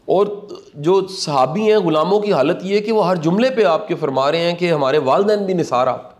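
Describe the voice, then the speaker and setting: A middle-aged man giving a motivational talk in an earnest, preacherly way, repeating key lines for emphasis. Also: a little high. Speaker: motivational speaker. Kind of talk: reflective commentary talk.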